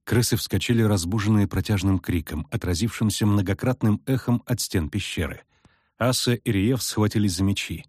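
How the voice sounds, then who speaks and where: Husky male audiobook narrator. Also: lowish voice, normal speed, no echo. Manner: steady storytelling. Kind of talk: scripted narration. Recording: dry close studio with faint music.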